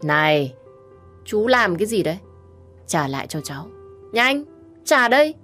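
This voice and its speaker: A woman acting out a tipsy, stubborn young woman who whines and begs. Her voice pitches up and pushes louder when she insists. Soft music plays underneath. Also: expressive, moderate pace. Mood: drunk, petulant. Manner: whiny, insistent, pleading. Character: drunk tearful young woman, stubborn and clingy.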